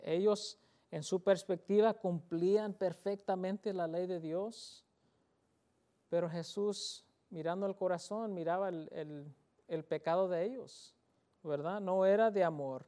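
A pastor delivers his sermon in a rather high male voice. He preaches earnestly, circling back over his words and slowing down to drive each point home. Now and then he slips into English for scripture. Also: a little mellow.

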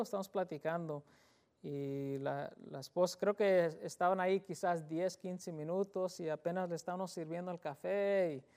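A pastor delivers his sermon in a rather high male voice. He preaches earnestly, circling back over his words and slowing down to drive each point home. Now and then he slips into English for scripture. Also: darkish tone.

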